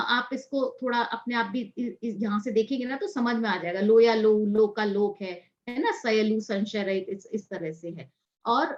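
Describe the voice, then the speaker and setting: Female teacher, scripture class, explanatory and questioning, roomy lo-fi sound. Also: a little high. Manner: explanatory, asks and answers her own questions.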